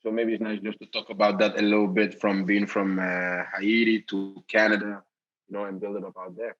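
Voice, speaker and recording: A man hosting an interview as a soccer head coach, talking in a halting way while searching for words. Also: on the low side, level tone, fairly bright tone, no echo, highs cut off.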